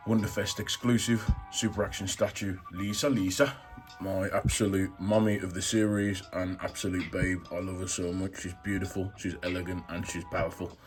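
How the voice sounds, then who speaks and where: A man with a low-pitched voice presents an unboxing review in a chatty, informal way. He piles on superlatives as he talks to his viewers, with music playing behind him. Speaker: YouTube toy reviewer and channel host. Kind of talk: casual action figure unboxing review.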